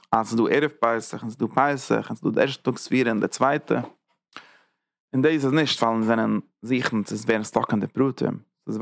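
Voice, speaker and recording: Gravelly-voiced man teaching a religious class. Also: mid-range voice, no room sound, studio quality. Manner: thinks aloud, repeats phrases and asks rhetorical questions. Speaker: Torah teacher giving a class. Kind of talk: lively religious lecture.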